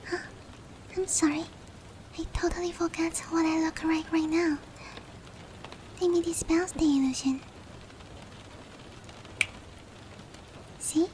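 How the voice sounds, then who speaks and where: A woman performs a whispered roleplay ASMR as a female sleep paralysis demon whose teasing menace turns tender, her phrasing hushed, close, and drawn out. Her voice is breathy, whispery, and high-pitched, with an apologetic, tender mood. Steady rain plays behind her.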